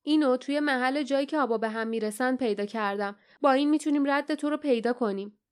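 A woman's voice: sits high, clean tone, pitched above the performer's own voice, natural voice. A woman voicing a fierce young female adventurer in an audiobook, calling out urgently. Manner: pleading, shouting.

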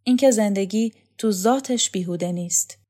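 A woman voicing an earnest, thoughtful young man in an audiobook, soft-spoken. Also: medium pitch, close to an everyday voice. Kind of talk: audiobook character voice.

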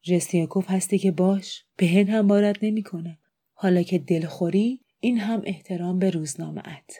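A woman voicing a rude drunken masked man who mocks and orders people about in a loud, scornful way, in an audiobook reading. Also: fairly low pitch, husky.

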